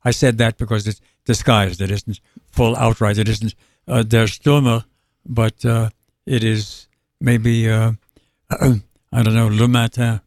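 A man from New York with a New York accent, hosting a talk radio show in a wry manner and often clearing his throat. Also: lowish voice, flat delivery, slow pace, darkish tone, dry recording, clean studio sound.

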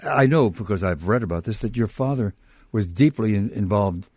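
A man hosting a radio talk show, asking probing questions in a measured way and summarizing his guest's points. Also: fairly low pitch, animated, a little mellow, no echo, clean studio sound. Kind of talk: radio interview. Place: radio studio.

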